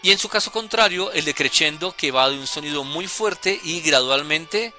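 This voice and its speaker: A man calmly explaining music notation as a teacher, deliberate and with small hesitations. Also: a little high. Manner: deliberate, with hesitations and self-corrections.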